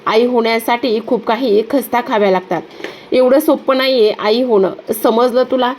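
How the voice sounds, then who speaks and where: A devoted mother, read out by a female narrator who pleads urgently to protect her sleeping daughter. The voice is slightly high and stays close to the narrator's own. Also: moderate pace, a little mellow, lightly acted. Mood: pleading.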